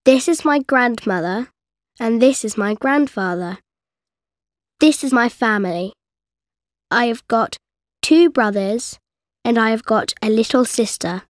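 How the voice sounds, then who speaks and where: A woman voicing a young girl character, reading a simple course-book text slowly with clear, careful diction. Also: a little high, no echo, studio quality, lightly acted. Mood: calm. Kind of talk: slow scripted textbook reading.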